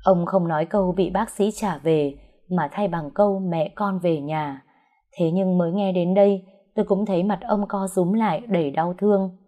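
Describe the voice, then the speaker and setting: A woman's voice: fairly low pitch, normal speed, mellow. A woman narrating an emotional first-person story, reading dialogue and pleading lines herself.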